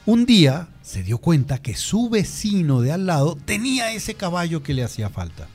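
A man hosting a show, telling a fable in a lively, expressive way. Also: on the high side, moderate pace, breathy edge, soft background music. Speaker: host. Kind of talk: storytelling a fable on a radio-style show.

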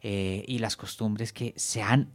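A man hosting a casual radio chat, jokey and talkative, often trailing off into quiet asides. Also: on the low side, steady tone, slow, faint music behind. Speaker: radio host.

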